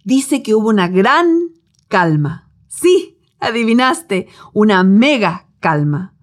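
Expressive woman teaching a devotional. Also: medium pitch, slow. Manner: expressive, dramatic storytelling with rhetorical questions. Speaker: Bible teacher.

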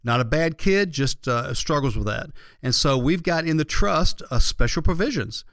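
A man's voice: a little high, lively intonation, normal speed, a bit bright, no echo, studio quality. A man hosting a radio show, giving conversational, folksy advice as a financial planner.

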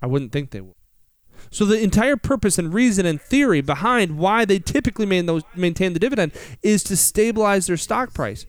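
A man's voice: sits high, lively intonation, fairly quick, no echo. An American man hosting a financial talk show, explaining conversationally with rhetorical questions and emphatic repetition. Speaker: financial radio show host.

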